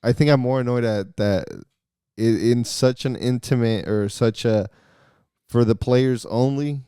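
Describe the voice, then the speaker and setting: A man's voice: mid-range voice, measured pace, clear, resonant tone, dry recording, clean studio sound. A man co-hosting a soccer podcast, talking casually and mixing English and Spanish. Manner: relaxed, mixes English and Spanish. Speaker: podcast co-host. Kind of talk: casual sports chat.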